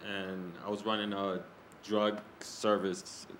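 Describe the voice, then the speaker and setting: A man's voice: on the low side, level tone, slow, roomy sound, noisy background. A man in his twenties, a program participant, introducing himself briefly and plainly. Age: 20s.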